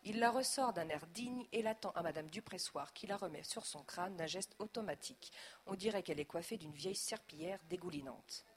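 A woman narrating a children's audiobook in a lively, expressive voice. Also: on the low side, a little fast.

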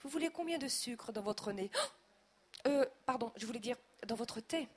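A woman's voice: fairly high pitch, lively intonation, moderate pace, pitched above the performer's own voice. A woman voicing a nervous, caring mother. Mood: flustered.

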